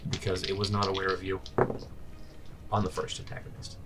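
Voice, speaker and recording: A man's voice: low voice, completely flat delivery, brisk, fairly bright tone. A man acting as game master, casually narrating and refereeing a tabletop role-playing game. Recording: slightly distant mic, faint noise.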